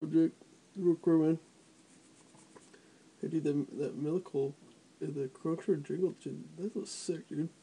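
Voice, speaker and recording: Man, mellow voice, sleep talking in disjointed repeated bursts, slightly noisy recording. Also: on the high side, fairly even intonation, measured pace, long pauses. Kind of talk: unconscious sleep talk. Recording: noisy home recording with clicks.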